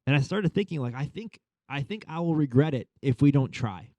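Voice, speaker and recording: A man's voice: a little high, expressive, brisk, darkish tone, dry recording, muffled recording. A man in his thirties giving a conversational sermon as a pastor, telling a story with many fillers. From Long Island. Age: 30s.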